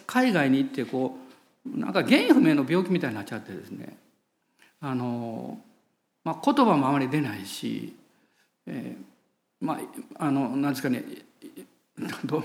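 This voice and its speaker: A male pastor with a Kansai lilt preaches and tells stories from the pulpit. His pitch swings widely as he animates the tale, and he laughs at himself along the way. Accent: Kansai Japanese. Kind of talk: sermon with storytelling.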